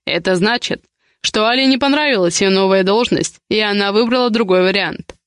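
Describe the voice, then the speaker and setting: A woman's voice: medium pitch, moderate pace, clear, resonant tone, no room sound, clean studio sound, lightly acted. A woman reading a domineering possessive man. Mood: commanding.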